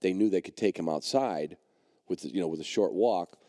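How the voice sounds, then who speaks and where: Deep-voiced man rambling through a story. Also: moderate pace, warm tone, dry recording, clean studio sound. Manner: rambling, heavy on fillers and restarts. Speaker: podcast host and dog trainer. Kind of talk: personal storytelling on a podcast.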